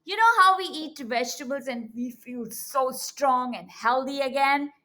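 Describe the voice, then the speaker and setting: A woman reads a story aloud to young children, animated and teacherly, often asking them questions. Her voice is high-pitched and a little slow.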